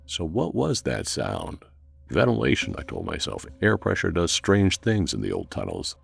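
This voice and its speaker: Very deep, gravelly male horror narrator. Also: huge pitch swings, normal speed. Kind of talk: first-person scripted horror narration.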